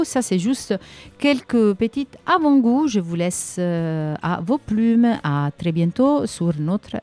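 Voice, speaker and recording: A radio show host with a medium-pitched, darkish voice reads listener personal ads and short news items. She keeps it friendly and conversational, hesitating often.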